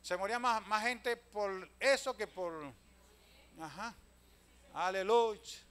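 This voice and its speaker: A man, a pastor telling stories in a sermon, swinging from loud calls to hushed asides and often addressing listeners as brother. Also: high voice, slow, clear, resonant tone. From Venezuela. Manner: storytelling preacher, swings from loud calls to hushed asides, keeps saying "hermano".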